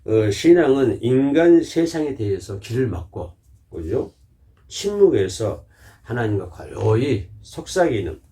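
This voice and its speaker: Male pastor, sermon delivery, mellow dark tone, repetitive cadence that rises and falls widely. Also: lowish voice. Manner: acts out God's words in quoted lines; measured, repetitive preaching cadence.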